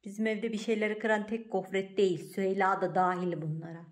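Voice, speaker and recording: A woman hosting a casual home vlog, talking to viewers and her daughter in an animated, exclamatory way, with a playful scolding tone. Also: medium pitch, a little fast. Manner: switches to a cooing baby voice for the cat. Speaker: vlog host and mother. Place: home indoors.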